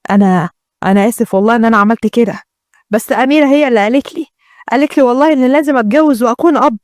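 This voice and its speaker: A woman's voice: a little high, very fast, a little mellow, no echo, studio quality, natural voice. A woman with an Egyptian accent voicing a wealthy husband who apologizes and begs his wife. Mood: begging. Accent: Egyptian Arabic. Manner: apologetic, pleading. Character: rich weak-willed husband, man.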